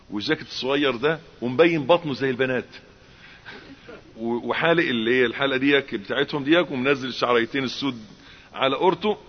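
A man with an Egyptian accent preaching with wide swings of pitch, climbing to emphatic exclamations and acting out small dialogues. His voice has a slight husk. The recording is muffled, and it rings with the long reverb of a large hall. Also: slightly rough. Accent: Egyptian Arabic. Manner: animated, rising to emphatic exclamations, acts out dialogues. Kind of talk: Egyptian colloquial sermon.

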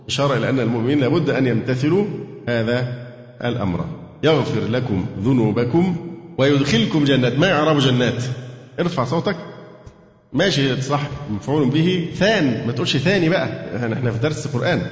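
A man with an Egyptian accent leads a Quran grammar lesson, keeps putting questions to his students and slows down to recite verses. His voice sits at an ordinary pitch. It is captured on a dull, lo-fi recording that rings with long reverb, as in a large hall. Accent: Egyptian Arabic. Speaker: Quran teacher. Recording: echoey hall, dull lo-fi sound.

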